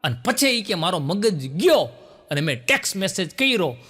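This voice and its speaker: A man telling jokes on stage, quick rural punchlines, jumping in pitch for the characters he quotes. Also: very animated, fairly bright tone, breathy edge, faint music behind. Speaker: stand-up joke teller. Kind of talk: comic storytelling.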